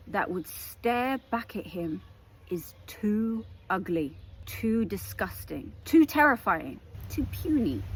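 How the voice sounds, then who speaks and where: A woman giving an emphatic, animated tarot reading monologue. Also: mid-range voice, slight background noise. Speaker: tarot reader.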